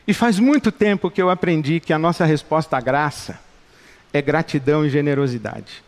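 Speaking with passion in a hall with long reverb, a middle-aged pastor from Brazil delivers a sermon, repeating phrases rhetorically to build each point. He has a Brazilian Portuguese accent and a slightly high voice at a moderate pace.

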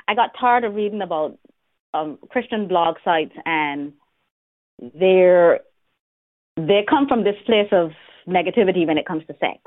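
A woman from the Bahamas, an author talking candidly in an interview, animated and laughing often, with many restarts. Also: on the low side, measured pace, long pauses, no echo. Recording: tinny phone-line sound.

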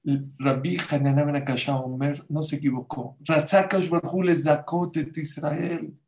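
A man's voice: a little high, normal speed. A man giving a Torah sermon in Spanish-language teaching style, telling stories, acting out quoted voices and asking his audience questions. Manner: storytelling, animated, acts out quotes. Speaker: rabbi.

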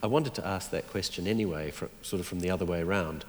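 A man with a very deep voice interviews an author, asking probing questions in an easy, conversational manner. His voice rings with a long reverb from the room. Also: fast talker.

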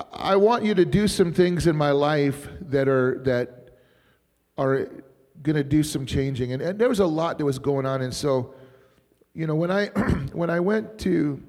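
Middle-aged pastor guy, gravelly voice, chatty rambling sermon, big echoey church. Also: medium pitch, darkish tone. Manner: rambling, chatty, laughs often. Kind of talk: informal sermon storytelling. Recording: reverberant church hall.

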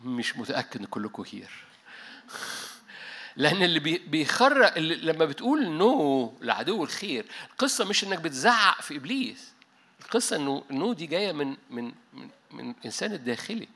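A man with an Egyptian Arabic accent delivers a sermon in an animated style, slipping into English now and then. His voice sits a little high and rings with a bright, forceful edge. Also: brisk. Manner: animated preaching with English asides and frequent restarts. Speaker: pastor. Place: church meeting hall.

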